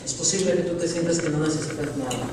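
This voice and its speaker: A man preaching a sermon and telling a testimony, swinging from loud emotional peaks to hushed appeals. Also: on the high side, fast talker. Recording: far-off mic in a very echoey hall with room noise.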